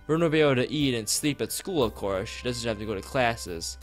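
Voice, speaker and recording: Brisk and lively in intonation, this medium-pitched man reads a visual novel aloud on stream, adding offhand remarks. He trips over the text and repeats himself often, and music plays in the background.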